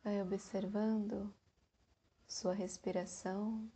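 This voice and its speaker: Very slow, soothing woman guiding meditation. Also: mid-range voice, level tone, warm tone, husky. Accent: Brazilian. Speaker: meditation guide. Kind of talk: guided meditation narration.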